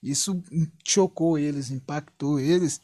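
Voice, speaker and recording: A man's voice: fairly high pitch, measured pace, warm tone, dry recording, clean studio sound. Earnest Brazilian man telling his testimony. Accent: Brazilian Portuguese. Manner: earnest, repetitive storytelling with frequent "né?". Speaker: church member giving testimony. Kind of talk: personal testimony in church.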